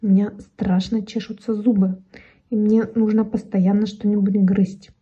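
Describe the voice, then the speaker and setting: A woman voicing a small mouse with itching teeth that must always gnaw something, speaking slowly, emphatically and matter-of-factly. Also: medium pitch, level tone, slightly rough, dull audio, close to an everyday voice. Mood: blunt.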